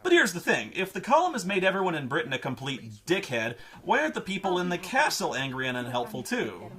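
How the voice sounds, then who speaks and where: A man's voice: on the high side, wildly swooping pitch, fast, sharp tone. A man narrating a comedic game retrospective in a sarcastic, profane, incredulous rant. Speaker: game reviewer.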